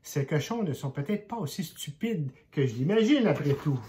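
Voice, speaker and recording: An older grandfather reads a picture book aloud to children. His voice sits a little high and moves expressively, and he drops to a hush for suspenseful moments. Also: expressive, moderate pace, a little hiss or hum. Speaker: grandfather storyteller.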